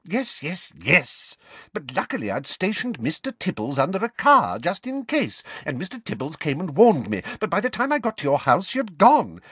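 A man voicing a batty, frantic old woman neighbour who scolds in a shrill, shrieking voice. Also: wildly swooping pitch, normal speed, a bit bright, husky, no room sound, exaggerated voice. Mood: frantic scolding. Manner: fussy, breathless scolding.

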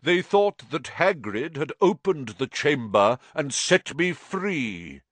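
Man voicing ancient male giant spider, croaking, grave, slow, dry close sound. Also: on the high side, sing-song, a bit bright, no room sound, voice pushed up, exaggerated voice. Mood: fretful.

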